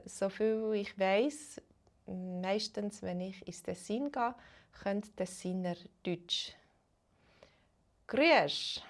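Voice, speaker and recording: Swiss woman, language teacher hosting a live chat; slow, unhurried delivery, mid pitch, bilingual back-and-forth with viewers. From Switzerland. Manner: greets chat viewers, slow and unhurried, switches between English and German.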